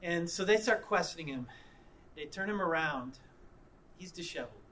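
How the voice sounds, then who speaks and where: A man's voice: fairly high pitch, lively intonation, moderate pace, fairly bright tone, a little hiss or hum. A man preaching a sermon, telling a personal story in a conversational way and often repeating and restarting his words. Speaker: pastor.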